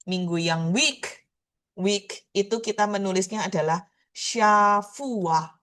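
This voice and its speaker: A woman's voice: medium pitch, a bit bright. A woman with a Surabaya Javanese accent teaching an online language class, patiently repeating each word so her students can copy the pronunciation. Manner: slow, patient, repeats words to drill pronunciation.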